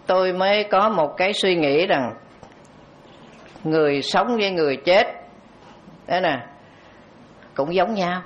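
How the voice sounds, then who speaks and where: A man's voice: high-pitched, fairly bright tone. A man with a Southern Vietnamese accent, a Buddhist monk giving a dharma talk, who tells a story, acts out the people in it and asks the audience questions. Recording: dull lo-fi recording.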